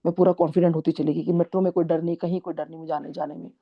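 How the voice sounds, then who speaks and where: A woman's voice: sits low, flat delivery, rapid-fire. Earnest middle-aged woman, dull lo-fi sound. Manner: earnest, mixes English words into her speech. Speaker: satsang speaker sharing a testimony. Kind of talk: devotional testimony storytelling. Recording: dull lo-fi recording.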